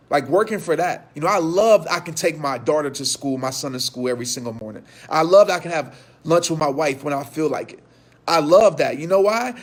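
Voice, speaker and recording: A motivational speaker in his thirties gives an impassioned talk to viewers, his fairly high voice hoarse from losing it, with a repetitive, preacher-like cadence.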